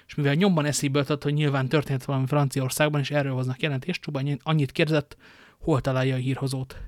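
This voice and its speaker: A man reading a novel aloud in a steady narrating voice, now and then stumbling and correcting himself. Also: on the high side, dry recording, clean studio sound. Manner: steady narration with occasional slips and self-corrections. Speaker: audiobook reader.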